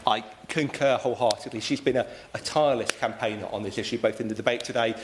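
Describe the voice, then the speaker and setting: A British man giving an earnest, measured and wordy speech as a member of parliament in a formal debate. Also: mid-range voice, fairly even intonation. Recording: echoey room, faint background noise.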